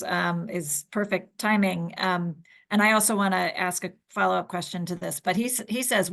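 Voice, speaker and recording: A woman interviewing a guest, asking polite, careful questions with hesitant fillers. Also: mid-range voice. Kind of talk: conversational interview.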